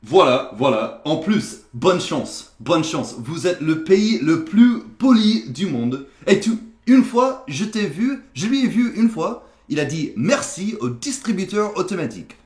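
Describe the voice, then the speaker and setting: A man's voice: high-pitched, big pitch swings, unhurried, hardly any pauses, darkish tone. A man with an American accent, a native English speaker, hosting a comedy sketch with teasing, mock-indignant banter. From United States. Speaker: host. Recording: echoey room.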